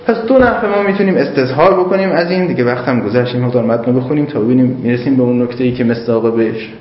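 A man teaching a class on religious law, reasoning aloud and working through examples. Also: mid-range voice. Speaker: seminary teacher. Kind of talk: jurisprudence class lecture. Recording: echoey classroom, lo-fi, faint noise.

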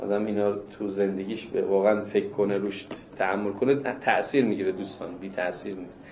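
A man's voice: on the low side, fairly even intonation, a little hiss or hum. Man lecturing in a roomy, muffled recording. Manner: explains texts, then pushes up sharply to stress questions. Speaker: religious law teacher. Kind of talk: classroom lecture.

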